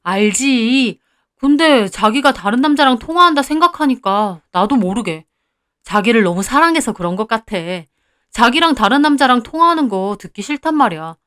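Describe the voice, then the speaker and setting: A woman's voice: on the high side, animated, normal speed, fairly bright tone. A woman voicing a jealous, moody young man who is the narrator's fiancé, curt and sulky, in read-aloud story dialogue. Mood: coaxing.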